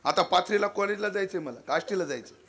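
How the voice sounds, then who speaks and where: A man preaching a devotional kirtan, telling folksy, humorous stories and slowly chanting verses. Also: high-pitched, expressive, crowd noise. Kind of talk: devotional storytelling sermon. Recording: live kirtan with loud music.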